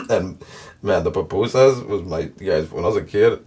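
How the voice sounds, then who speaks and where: A man's voice: low-pitched, unhurried, fairly bright tone, slightly rough. A man hosting a reaction video, chatting casually to viewers and filling his talk with "like". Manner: chatty, addresses viewers, says like a lot. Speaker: reaction channel host.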